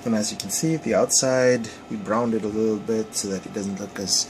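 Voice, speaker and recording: Low gravelly guy filming himself searing steak on his phone, lots of ums, loud sizzle behind. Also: steady tone. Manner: halting, many ums and restarts. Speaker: home cook demonstrating. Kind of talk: casual cooking demo narration. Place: home kitchen, searing at the stove. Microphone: phone camera. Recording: phone video with sizzling pan noise. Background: frying sizzle.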